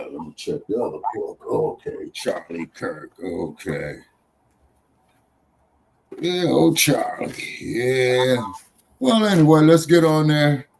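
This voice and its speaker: Slow-drawling man hosting a talk show. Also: mid-range voice, gravelly, a little mellow, slight background noise. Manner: loose, heckling, drawling asides. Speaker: podcast host. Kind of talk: casual talk show chat.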